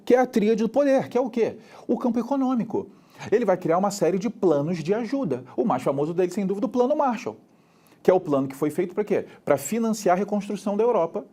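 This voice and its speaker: A young Brazilian man teaching a lively history lesson, acting out characters in quick street talk. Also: sits high. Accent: Brazilian Portuguese.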